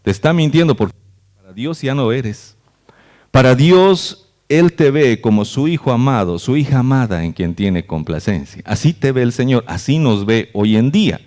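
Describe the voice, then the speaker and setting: A man's voice: medium pitch, animated, moderate pace, a little mellow. A man, a pastor, preaching a conversational sermon at a church service and often checking in with "¿no?". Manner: earnest, conversational, frequent "¿no?" tags.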